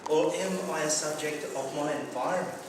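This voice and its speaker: An Australian-accented club speaker tells wry personal stories in a prepared speech, sometimes stumbling into repeats. His pitch is fairly high and his tone steady, at normal speed. The distant microphone picks up heavy room echo and clear background noise.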